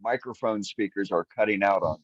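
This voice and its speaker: A man's voice: fairly low pitch, normal speed, no echo. A man on a remote call, heard through a small speaker, giving casual directions with stumbling restarts. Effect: voice of a remote caller played through a small speaker. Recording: dull lo-fi dry speaker sound.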